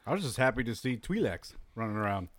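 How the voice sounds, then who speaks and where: A man hosting a casual podcast chat, enthusiastic and quick to laugh. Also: medium pitch, very animated, crowd noise. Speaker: podcast host.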